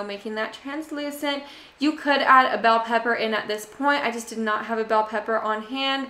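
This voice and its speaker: Bright-voiced woman narrating home cooking. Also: a little high, roomy sound. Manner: chatty, relaxed, addresses viewers as "you guys". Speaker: cooking channel host. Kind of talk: casual cooking voice-over. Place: home kitchen.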